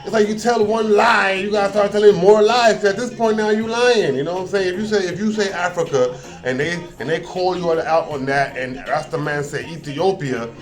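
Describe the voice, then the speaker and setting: A man's voice: sits high, brisk, soft background music. A man giving a casual, rambling monologue, often repeating words and building to emphatic points.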